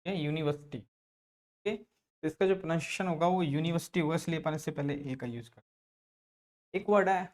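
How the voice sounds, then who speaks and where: A man with a Rajasthani accent teaching an English lesson, slowly repeating words and drawing out their pronunciation. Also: on the high side, a little mellow. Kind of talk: classroom lesson.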